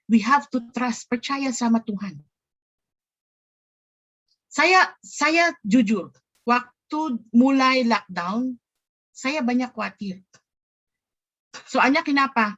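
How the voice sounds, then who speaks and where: A middle-aged woman giving a lively church talk, telling funny stories, acting out the people in them, and slipping English phrases in. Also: on the high side, slow pace, long pauses, dull audio. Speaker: church speaker.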